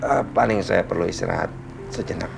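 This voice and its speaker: Weak sick old man saying he's fine, low gravelly voice, music behind. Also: a little fast. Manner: feeble, breathless protesting. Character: weak ailing older man, stubbornly insisting he's fine.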